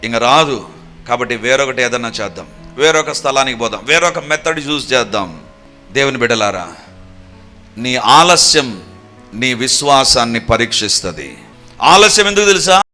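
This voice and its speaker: A man preaching a sermon with fervour, dropping to a hush and then rising into raised, urgent passages, with English phrases slipped in. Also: mid-range voice, expressive, normal speed, long pauses, soft background music. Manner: fervent, swings between hushed and raised voice, mixes English phrases.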